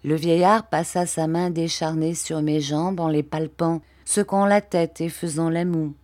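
A woman narrating a storybook in a measured, expressive reading. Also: low voice.

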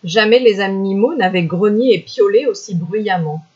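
A storyteller reading a folk tale aloud in a measured, expressive way, on a dull lo-fi recording. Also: mid-range voice, slightly rough.

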